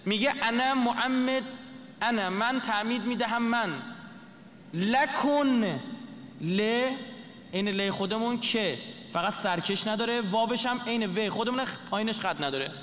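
A man's voice: high-pitched, fairly bright tone, in a large hall, slight background noise. A man lecturing to an audience, explaining a script letter by letter and asking the listeners questions.

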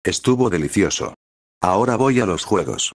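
A man's voice: fairly low pitch, expressive, moderate pace, no room sound, studio quality. A male synthetic voice playing a mischievous young wallaby who begs by repeating himself. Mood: pleading. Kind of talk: text-to-speech cartoon fan video.

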